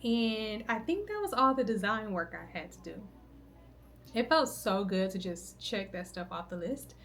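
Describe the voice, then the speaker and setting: A woman's voice: mid-range voice, lively intonation, normal speed, a bit bright, slight background noise. A woman in her middle years vlogging at home, talking casually and tiredly, rambling and interrupting herself as she thinks aloud. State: tired, out of breath at times. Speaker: content creator vlogging her routine. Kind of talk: casual vlog talk to camera. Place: at home, indoors.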